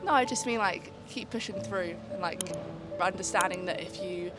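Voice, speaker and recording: A woman's voice: fairly low pitch, moderate pace, over loud music. A woman of twenty-three, giving encouraging advice in a street interview. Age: 20s.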